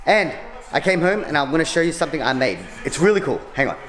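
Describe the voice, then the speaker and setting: A man giving a casual, excited vlog rundown from home. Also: fairly high pitch, fast talker. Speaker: vlogger. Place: home, indoors. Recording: echoey room with music behind.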